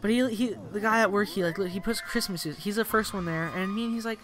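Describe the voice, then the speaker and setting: A man's voice: high voice, brisk, fairly bright tone. Tired young man rambling over game music. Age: young adult. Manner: rambling, tired, says "like" constantly. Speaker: let's play commentator. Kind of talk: casual gameplay commentary. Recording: game music playing behind.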